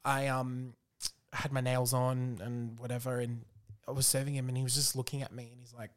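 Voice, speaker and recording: A man's voice: medium pitch, level tone, moderate pace. A man hosting a podcast, chatting emphatically and swearing often. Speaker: podcast host. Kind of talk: casual chat.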